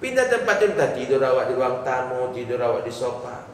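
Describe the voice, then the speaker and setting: In a mosque hall, a man delivers a humorous sermon, cracking jokes and asking the congregation questions. His medium-pitched voice moves quickly with big swings in pitch, heard from far off in an echoey hall with faint noise.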